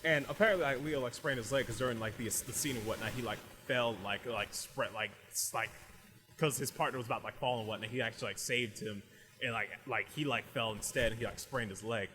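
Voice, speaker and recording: Briskly and with a pushed, bright, medium-pitched voice, this man hosts a laid-back anime review podcast. His recap wanders, full of restarts and with "like" dropped into nearly every phrase.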